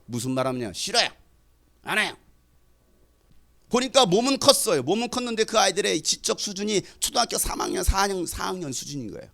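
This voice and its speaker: A middle-aged male pastor delivering a sermon, building from conversational asides to loud, impassioned exhortation. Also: sits high, big pitch swings, quick pace, creaky, hardly any pauses.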